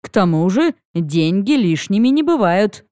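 A woman reading an audiobook, voicing a wry, teasing older male dragon with a slow, drawling delivery in a dry, close recording. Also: medium pitch, sing-song, dark tone, dry recording.

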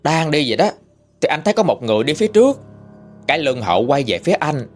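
A man's voice: on the high side, fast. A man, narrating a ghost story in a folksy, conversational way. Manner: folksy, lively retelling with rising and falling emphasis. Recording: faint background music.

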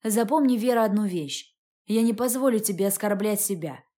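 Curt domineering rich man, read by a woman, cold, mellow audiobook voice. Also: mid-range voice, moderate pace, lightly acted.

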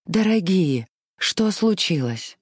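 A reader voicing a gentle, kind young woman who speaks softly and earnestly to comfort. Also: mid-range voice, very animated, slow pace, breathy edge, dry recording, clean studio sound, pitched above the performer's own voice, heavily acted. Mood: alarmed. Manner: soft, soothing, earnest. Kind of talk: audiobook reading.

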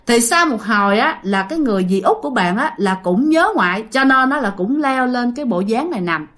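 A woman's voice: on the high side, lively intonation, a little fast, fairly bright tone. A woman casually retelling a ghost story, chatty and full of fillers, speaking to her listeners.

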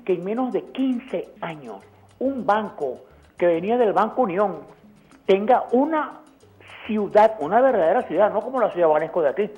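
A woman's voice: mid-range voice, lively intonation, normal speed, soft background music. A woman calling in to a radio show with her phone held away, so she sounds faint. She talks indignantly and stumbles over words. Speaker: radio call-in caller. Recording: dull, faint phone line.

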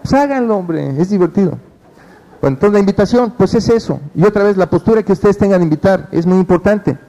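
A man's voice: sits high, a little fast, low-quality recording. A man with a Mexican accent giving a motivational business training, telling stories and talking straight to his audience. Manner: animated storytelling, addresses the audience directly and acts out phone calls.

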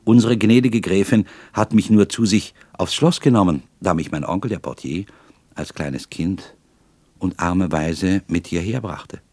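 A man reading the part of a gentle, cheerful young woman in an audiobook, speaking in a warm, confiding way. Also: low voice, a little slow, no room sound. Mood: explaining.

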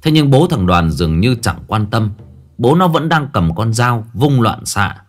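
A man's voice: medium pitch, sing-song, unhurried. A man narrating a Vietnamese ghost story in the first person, telling it in a dramatic way.

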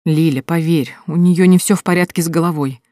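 A woman's voice: lowish voice, fairly even intonation, fairly quick, warm tone, no echo, clean studio sound, natural voice. A woman voicing a desperate grown man in an audiobook, pleading urgently.

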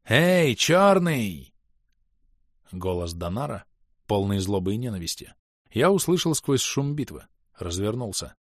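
A man's voice: on the low side, lively intonation, moderate pace, darkish tone, no echo, studio quality. A man narrating a first-person fantasy audiobook in a tense, dramatic way.

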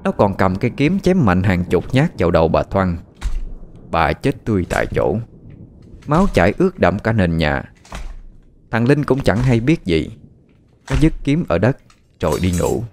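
A man, narrating a dark story in a steady, dramatic way. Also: deep voice, moderate pace, long pauses, slight background noise.

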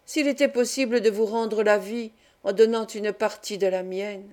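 A woman's voice: medium pitch, steady tone, normal speed, a little mellow, lightly acted. A woman reading the lines of a dissolute young nobleman who speaks to his father in a falsely pious, pleading way.

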